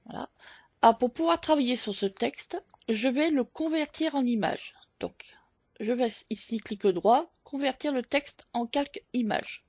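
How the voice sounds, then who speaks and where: A woman hosting a photo editing tutorial, explaining each step slowly with hesitant fillers. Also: high-pitched, darkish tone, husky, dry recording, muffled recording. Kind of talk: screen-recorded software tutorial.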